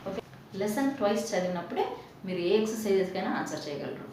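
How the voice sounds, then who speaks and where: A woman's voice: mid-range voice, expressive, mellow, recorded from a distance, slight background noise. Telugu-accented woman teacher in an echoey room. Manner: reads English poem lines slowly, explains in Telugu. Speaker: English teacher. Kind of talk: recorded class lesson.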